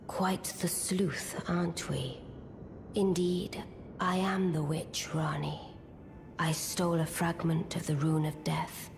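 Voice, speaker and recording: Imperious game witch, aloof and enigmatic: low hushed voice, slow archaic delivery, music behind. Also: gravelly, heavily acted. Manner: cool, composed, regal, archaic phrasing. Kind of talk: archaic fantasy game dialogue.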